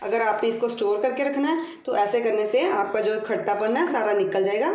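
This cooking-channel host has a voice on the high side with a darkish tone, and the audio is dull, roomy, and distant, with faint music. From her home kitchen she gives unhurried step-by-step instructions, patiently repeating each one.

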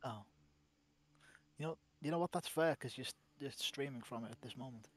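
A man's voice: mid-range voice, a little fast, dry recording. A man from England with a Liverpool accent, co-hosting a game stream with dry, teasing jokes and whispered asides. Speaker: co-host. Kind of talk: casual gaming stream chat.

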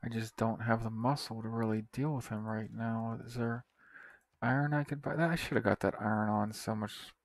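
A man's voice: fairly low pitch, fairly even intonation, normal speed, no echo. A man giving casual commentary while playing a strategy game, muttering to himself and swearing in frustration. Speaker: gaming video creator.

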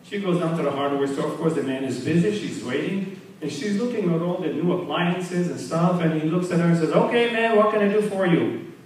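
A man telling stand-up jokes at an open mic night, jumping up in pitch for the punchlines and laughing at his own jokes. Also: brisk, darkish tone. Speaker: stand-up comedian. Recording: echoey room from far off, faint noise.

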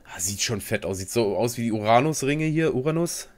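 A man's voice: mid-range voice, lively intonation, fairly quick. A young man giving casual, rambling commentary as he plays a game, slangy and talking to himself. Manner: rambling and slangy, talks to himself while playing. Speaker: gaming video host. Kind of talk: casual let's play commentary.

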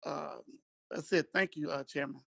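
A man, a city council member, speaking into a meeting over a remote video call whose audio breaks up, talking haltingly and repeating words as he backs a project. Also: a little high, fairly even intonation, vocal fry, a bit bright. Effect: remote video call link, audio breaking up.

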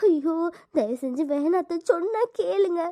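A woman's voice: very high voice, animated, a little slow, dark tone, dry recording, heavily acted. A woman voicing a frightened young pregnant wife who begs her in-laws in a cartoon. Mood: pleading. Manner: pleading, tearful.

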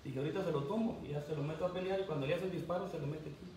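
A man's voice: a little high, racing, background noise. A man chatting casually in an interview, often laughing as he talks. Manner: laughs often while telling stories. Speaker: cockfight handler.

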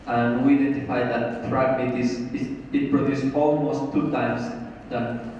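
A man's voice: mid-range voice, little pitch movement, a little slow, a little mellow, distant mic. A man in his thirties giving a technical answer to an audience question at a conference, on a handheld microphone. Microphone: handheld microphone through hall PA. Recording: muffled, very echoey hall, faint noise.

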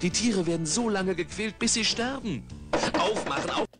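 A man voicing a prim, easily shocked young female house cat in a storybook audiobook, in a high, indignant voice. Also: moderate pace, loud music behind the voice, natural voice.

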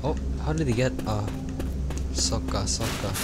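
A man giving casual let's-play commentary, excitable and swearing, often breaking into shouts. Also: on the low side, normal speed, loud music behind the voice. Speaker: gaming video host. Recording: game audio noise underneath. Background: game sound effects and gunfire.

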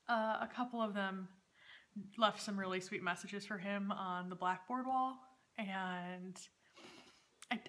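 Here a knitting podcast host in her thirties chats hesitantly for a casual vlog, seated indoors in her dining room. The voice is lowish with a slight brightness.

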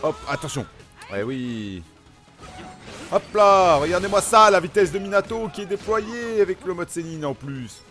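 A man from France, a gaming YouTuber, talking chattily through character setup and gameplay with lots of quick exclamations. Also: sits high, faint music behind. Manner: excitable, chatty, punctuates action with exclamations. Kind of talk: gameplay commentary.

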